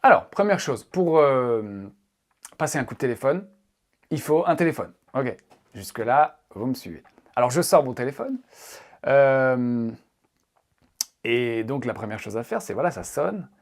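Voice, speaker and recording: A man's voice: medium pitch, animated, a little slow, pauses often. A man teaching a casual spoken language lesson, playful and joking as he explains. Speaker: English teacher.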